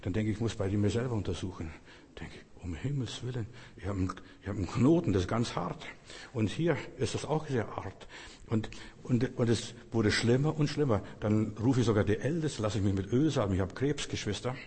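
Man, preacher, sermon, husky voice, earnest and repetitive, long hall reverb. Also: lowish voice, brisk, darkish tone. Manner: earnest, repetitive, speaks directly to the listeners. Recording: long echo of a large hall.

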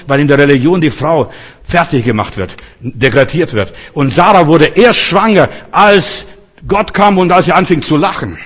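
A man preaching a sermon, lively, acting out quotes, his voice swinging between high and low. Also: big-room sound. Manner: lively, rising and dropping, acts out quotes.

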